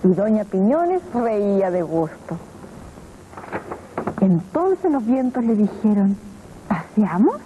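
A woman narrating a rhyming children's story in an expressive, sing-song way. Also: mid-range voice, slow pace, pauses often, a little hiss or hum. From Chile. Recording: lo-fi old TV tape audio.

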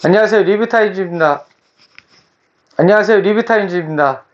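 A man's voice: sits high, brisk, highs cut off, noisy background. A middle-aged man presenting a product test in set, repeated announcing phrases, recorded on Bluetooth headset microphones. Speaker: product reviewer and host. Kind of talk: scripted-style product test presentation to camera. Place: plain small room indoors. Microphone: various Bluetooth earphone and neckband mics.

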